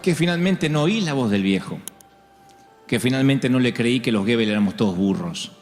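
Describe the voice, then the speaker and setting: A man's voice: mid-range voice, animated, moderate pace. A man preaching a sermon, telling a personal story earnestly. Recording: long hall reverb, faint music.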